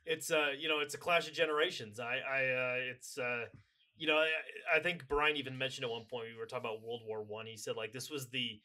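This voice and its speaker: A man speaking haltingly in a casual podcast discussion. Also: mid-range voice, fairly even intonation, sharp tone. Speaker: podcast co-host.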